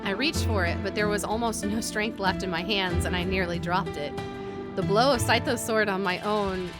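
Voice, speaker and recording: A woman streamer with a medium-pitched voice reads a visual novel aloud at normal speed, reacting casually and expressively and swearing now and then. Video game music plays behind her.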